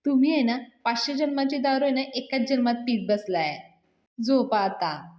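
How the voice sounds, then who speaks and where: Woman voicing a young college man, childish and pleading, higher voice, roomy sound. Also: moderate pace, darkish tone, natural voice. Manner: pleading, whiny.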